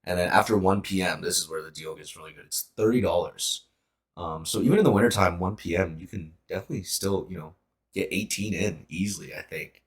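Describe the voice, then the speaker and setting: Young male podcast host with a very low voice, easygoing and a little halting. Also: husky. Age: young adult. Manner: relaxed, slightly halting with many ums. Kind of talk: casual podcast chat.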